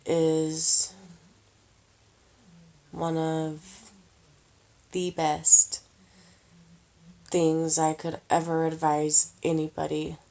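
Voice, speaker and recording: A tired woman giving casual budgeting advice in a vlog, slow and halting with lots of pauses and fillers. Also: sits low, darkish tone. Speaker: vlogger.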